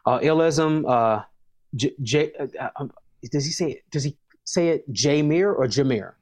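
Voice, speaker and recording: A man's voice: a little high, normal speed, darkish tone. A man, a hip hop artist talking casually as an interview guest, emphatic and prone to repeating words as he starts sentences.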